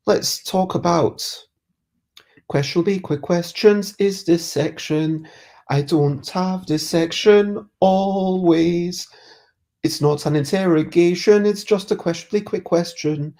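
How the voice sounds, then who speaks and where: Here a streamer running a chat show chats loosely while nursing a stuffy cold, pausing to read viewer comments. The voice is mid-range with a dark tone, and the manner is easygoing and reflective, with frequent breaks in their own sentences.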